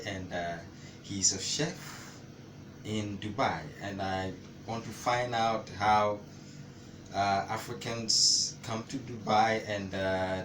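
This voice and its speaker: A man hosting a casual interview, speaking hesitantly with many fillers. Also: on the low side. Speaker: host. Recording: echoey, distant, noisy.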